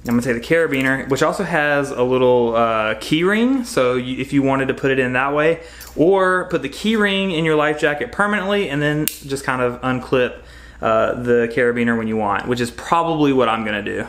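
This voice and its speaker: He speaks at a fairly quick clip, medium-pitched and a bit bright. The speaker is a fishing vlogger in his thirties, upbeat and talkative as he reviews gear in a relaxed home vlog, captured by a close camera mic in his garage.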